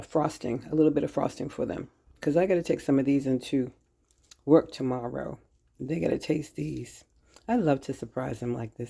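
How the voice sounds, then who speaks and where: Woman, home baking vlogger: low, warm gravelly voice, chatty and homey with viewers from her kitchen. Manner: chatty, talks to viewers while cooking, hums while tasting; talks with mouth full at times. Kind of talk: casual chat while baking.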